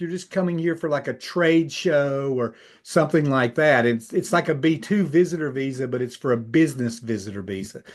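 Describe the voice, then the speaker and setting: An older man, a retired immigration officer, hosting a casual interview over a video call, chatty and full of restarts. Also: fairly high pitch. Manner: chatty, many restarts and asides.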